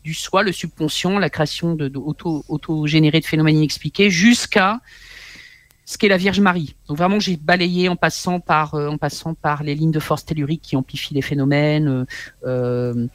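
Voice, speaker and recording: Speaking with a fairly high pitch and no room sound, a guest author in his forties relates a personal story in an interview. He's animated but halting, frequently going back over the same words.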